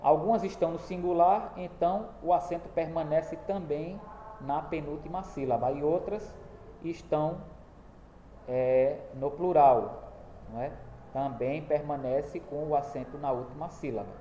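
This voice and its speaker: A man teaches a lesson, patiently going over each point and checking in with the class as he goes. His voice sits a little high but sounds mellow and dark. The room echoes, with a faint hiss behind him. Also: unhurried. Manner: explanatory, repeating points with tag questions.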